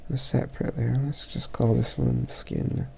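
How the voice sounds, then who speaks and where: A man with a stuffy, congested voice narrating a casual photo-editing tutorial as he works, halting and thinking aloud. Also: medium pitch, flat delivery, gravelly, darkish tone, slightly rough. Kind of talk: casual software tutorial voice-over.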